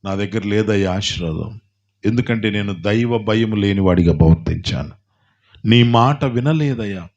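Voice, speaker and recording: A man's voice: fairly low pitch, moderate pace, darkish tone, muffled recording, voice pushed down, lightly acted. A pastor voicing a remorseful man pleading.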